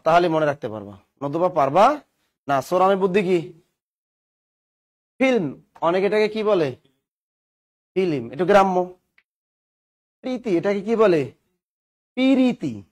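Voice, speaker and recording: A man teaching grammar in a classroom lesson, asking questions and answering them himself with playful examples. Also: high voice. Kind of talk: classroom lesson with call-and-response.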